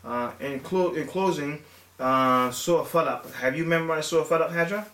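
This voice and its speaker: A man in his thirties, a father and religious teacher who speaks English as his first language, gives viewers an informal talk in an echoey room. His voice is a little high and a bit bright, and his speech is full of pauses, fillers and restarts.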